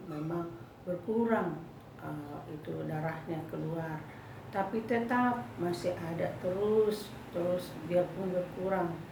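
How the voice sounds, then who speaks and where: A woman in her fifties giving a church testimony, telling her story to the congregation and calling them brothers and sisters. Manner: addresses listeners as brothers and sisters, grows loud and high when reliving fear. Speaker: testimony speaker. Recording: echoey room, voice from far off, faint noise.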